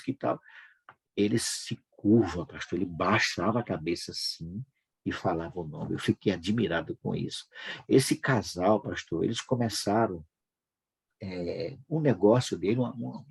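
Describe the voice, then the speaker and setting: A Brazilian man hosts a devotional prayer broadcast, speaking informally and fervently in a husky, fairly low, darkish voice. He repeats phrases for emphasis.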